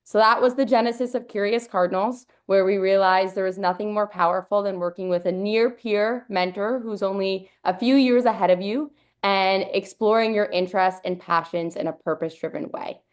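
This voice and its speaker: A woman's voice: medium pitch, steady tone, normal speed, hardly any pauses, smooth. Upbeat young woman presenting her company. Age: young adult. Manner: upbeat, fluent, with occasional ums. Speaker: company founder and CEO presenting. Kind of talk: webinar presentation. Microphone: video call.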